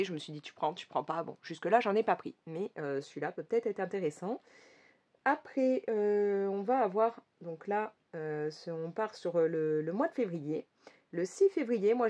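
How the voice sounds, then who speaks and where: A woman's voice: mid-range voice, darkish tone. A woman chatting casually to her viewers about upcoming coloring books, talking loosely with lots of hesitations and self-corrections. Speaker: coloring vlogger.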